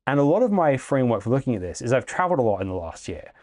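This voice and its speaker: A man's voice: medium pitch, sing-song, racing, a little mellow. Chatty man hosting a podcast. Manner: friendly, chatty, occasional stammer. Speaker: podcast host. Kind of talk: casual interview hosting.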